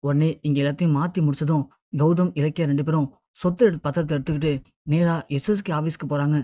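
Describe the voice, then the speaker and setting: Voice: mid-range voice, steady tone, fast, warm tone. A narrator retelling a TV serial episode in a matter-of-fact storytelling way.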